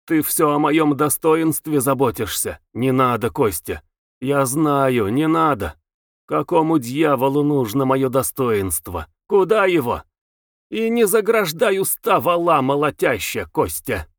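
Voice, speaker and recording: A man voicing an excitable, frenzied man who shrieks and exclaims. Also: mid-range voice, a little slow, no echo, studio quality. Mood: fervent.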